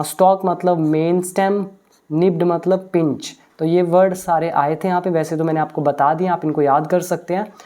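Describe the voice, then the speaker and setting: A woman teaching English, explaining a story line by line in a mix of Hindi and English. She patiently translates each English phrase and often pauses with hesitation sounds. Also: fairly low pitch, warm tone.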